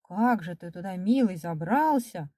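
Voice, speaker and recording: A woman's voice: lowish voice, expressive, measured pace, dark tone, dry recording, studio quality. A woman voicing a kindly old female school cleaner in a children's story reading, homely and fussing.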